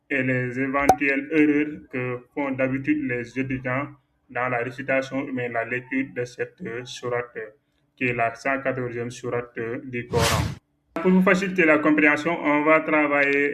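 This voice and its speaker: A man's voice: medium pitch, a bit bright, highs cut off, slight background noise. A man teaching a Quran recitation lesson, patiently correcting a student's errors and repeating the right forms, with frequent hesitations.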